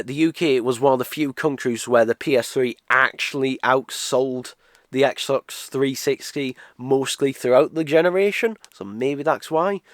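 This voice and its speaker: A nasal, cold-afflicted British man in his twenties rambles through a casual game unboxing review, his speech full of uhs and restarts. His voice is mid-range, with no room sound.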